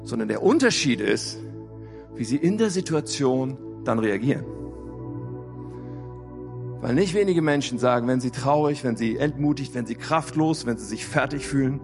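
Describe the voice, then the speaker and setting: A man's voice: medium pitch, lively intonation, moderate pace, vocal fry, over music. A man preaching a sermon, emphatic, repeating key phrases and asking rhetorical questions. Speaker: pastor.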